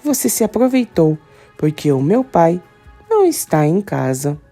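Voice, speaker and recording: Uma mulher lendo as falas de uma jovem brava e desafiadora, com réplicas ríspidas e desdenhosas. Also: female voice, lowish voice, very animated, measured pace, mellow, faint music behind, full character voice. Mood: defiant. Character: fiery young Brazilian woman, defiant.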